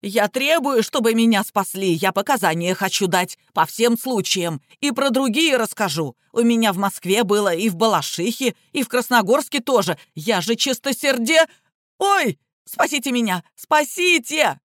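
A woman's voice: on the high side, animated, normal speed, no echo, clean studio sound, lightly acted. A woman voicing a panicked, whiny middle-aged man who shrieks and begs hysterically as a suspect. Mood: begging.

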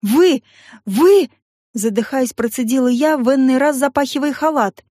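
A woman narrating a first-person audiobook in a lively, wry, ironic manner. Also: sits high, fairly quick, no room sound, studio quality.

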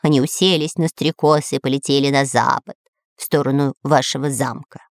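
A woman voicing an anxious, excitable male parrot servant in a storybook reading, making excuses. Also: very deep voice, normal speed, no room sound, studio quality. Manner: fussy, justifying himself.

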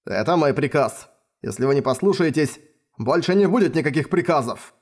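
A man voicing a stubborn, wounded field marshal, exasperated and shouting in an audiobook. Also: on the high side, expressive, a little fast. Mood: commanding.

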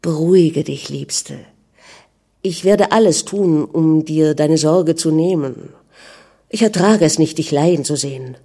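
A woman's voice: sits low, a little slow, warm tone. A woman reading aloud voices a loving young prince who calls anxiously for his wife and then soothes her. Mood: tender.

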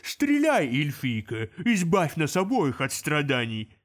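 A man reading an audiobook, voicing a raging male demon chieftain who bellows in slow, drawn-out snarls. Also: on the high side, huge pitch swings. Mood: furious.

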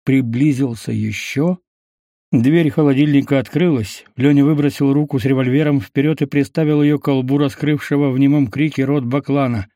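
A man narrating an audiobook in a steady, measured storytelling voice. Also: mid-range voice, dry recording, studio quality.

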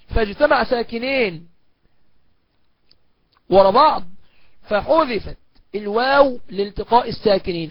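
A man with an Egyptian accent teaching Quran recitation in a recorded course, asking and answering his own questions and slowing down to recite examples. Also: high voice, no echo, lo-fi sound. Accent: Egyptian Arabic. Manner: slows down to recite verse examples. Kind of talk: recorded online course lecture.

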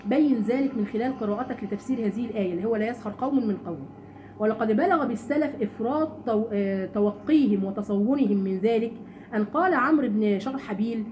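A woman with an Egyptian Arabic accent teaching a Quran study lesson to women, telling stories animatedly and mimicking mocking voices. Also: fairly high pitch. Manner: lively, animated storytelling with mocking impressions. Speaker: religious teacher. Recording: noisy room recording.

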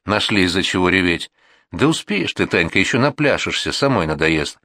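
A man playing a gruff, blustering father. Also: low voice, sing-song, moderate pace, sharp tone, no room sound, studio quality, exaggerated voice. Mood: grumbling. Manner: blustering, brusque. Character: gruff, hot-tempered middle-aged father. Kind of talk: audiobook reading.

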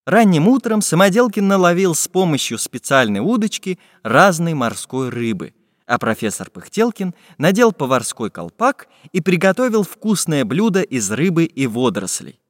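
A man narrating a children's fairy-tale audiobook in a lively, expressive storytelling manner. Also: a little high, normal speed. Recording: dry studio voice with long reverb.

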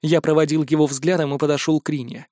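A man narrating a fantasy adventure in first person, brisk and wry. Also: fairly high pitch, little pitch movement, mellow, dry recording, studio quality. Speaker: audiobook narrator.

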